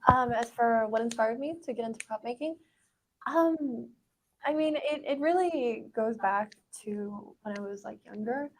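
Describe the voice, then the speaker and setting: A woman chatting casually as a prop maker on a panel, halting and given to giggles, recorded in a noisy room. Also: on the high side. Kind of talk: casual chat.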